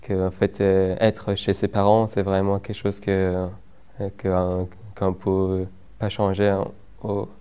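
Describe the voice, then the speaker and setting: A man's voice: deep voice, monotone, warm tone, smooth. Stuttering young man. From Afghanistan. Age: young adult. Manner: stutters, many repeated words and pauses. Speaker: interviewee. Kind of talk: testimony interview.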